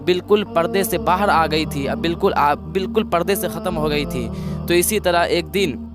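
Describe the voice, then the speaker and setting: Over music playing beneath him, a man with a fairly high pitch preaches at a moderate pace. His sermon recounts a moral tale simply, with phrases repeated for emphasis.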